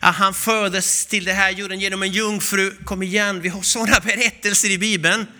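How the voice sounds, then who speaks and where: Bright, high-voiced male preacher. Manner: animated storytelling, acts out voices. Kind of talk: sermon.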